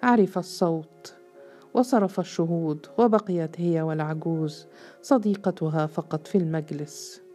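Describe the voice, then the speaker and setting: A woman reading a historical novel aloud as an audiobook narrator, in a measured storytelling manner. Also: lowish voice, warm tone, faint music behind.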